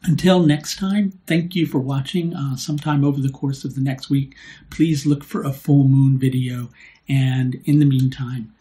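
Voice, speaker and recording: Warm, conversational male astrologer. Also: medium pitch, fairly even intonation. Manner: conversational, tags points with "right?"; unhurried, with filler "uh" and restarts. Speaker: astrologer hosting his own channel. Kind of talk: solo explanatory video talk.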